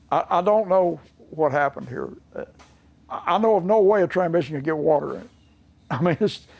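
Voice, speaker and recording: An older man with a Southern US accent talks through a restoration job in a workshop, sounding like a plainspoken, folksy mechanic giving an unscripted explanation. His voice is a little high with a darkish tone, and there's no room sound on the recording.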